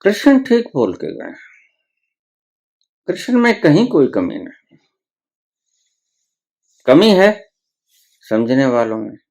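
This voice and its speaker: Slow-paced man giving a spiritual discourse. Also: medium pitch, vocal fry, a little mellow. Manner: slow, measured, recites verses then explains, rising emphasis. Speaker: spiritual teacher.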